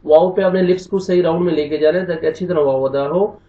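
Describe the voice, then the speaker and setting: Pakistani-accented guy teaching tajweed, high-ish mellow voice, sounds far off in an echoey room. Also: steady tone. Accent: Pakistani Urdu. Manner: slow drawn-out recitation alternating with brisk explanation. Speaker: Quran teacher. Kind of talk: tajweed lesson, spelling out and reciting. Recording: roomy, distant, dull lo-fi sound.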